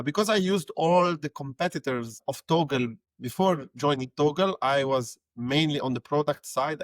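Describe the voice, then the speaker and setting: A man's voice: a little high, no echo. A young adult man from Lebanon, a podcast guest speaking conversationally and often repeating words as he thinks. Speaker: guest, head of growth. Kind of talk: casual interview talk.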